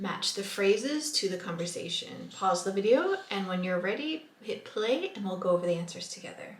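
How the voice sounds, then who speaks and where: Woman, language teacher, very slow, patient, repeats words, echoey room. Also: mid-range voice, lively intonation. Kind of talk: online language lesson.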